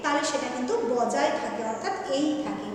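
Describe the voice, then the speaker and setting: A woman's voice: high-pitched, animated, fast talker, crowd noise. A woman teacher giving a grammar lesson, who patiently repeats each rule and asks rhetorical questions. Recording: echoey hall, far from the mic, faint noise.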